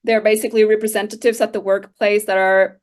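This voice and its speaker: Costa rican woman in her 30s, guest on a podcast, explains stuff slowly w lots of pauses and "like"s. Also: mid-range voice, flat delivery. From Costa Rica. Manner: thoughtful, explaining with frequent hesitations and "like". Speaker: guest researcher. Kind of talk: conversational interview answers.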